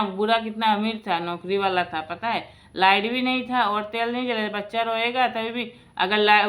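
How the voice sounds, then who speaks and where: A woman's voice: mid-range voice, fairly bright tone. Chatty woman telling a family story. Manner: chatty, addresses viewers as friends, many restarts. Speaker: storyteller, vlogger. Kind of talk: casual spoken storytelling.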